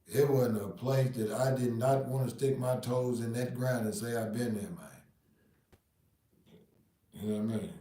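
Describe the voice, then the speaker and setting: A man's voice: mid-range voice, unhurried, pauses often, mellow, recorded from a distance. A man from Nashville with a Southern accent, talking casually in a podcast monologue, dropping "man" and "you know" through his sentences. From Nashville, Tennessee. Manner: laid-back, repeats "man" and "you know what I mean". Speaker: podcast host. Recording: very echoey room, off-mic.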